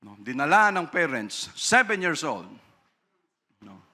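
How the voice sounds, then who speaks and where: A man's voice: a little high, big pitch swings, slow pace, pushed and bright. A male pastor preaching a conversational sermon, switching between Tagalog and English and tagging sentences with a questioning "no?". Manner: conversational preaching, frequent tag "no?"; acts out quoted voices.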